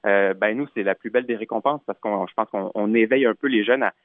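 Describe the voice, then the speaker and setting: A singer from a vocal group, a man from Quebec, Canada, gives a casual interview as a guest in a Québécois accent. He talks fast in a fairly low voice and often restarts his sentences, and the sound is phone-quality with no echo.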